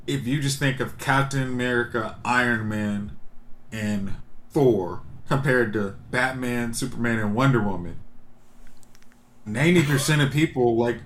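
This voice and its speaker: A man in casual podcast chat, rambling and opinionated as he thinks aloud. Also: mid-range voice. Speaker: podcast co-host. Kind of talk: casual chat about superhero movies.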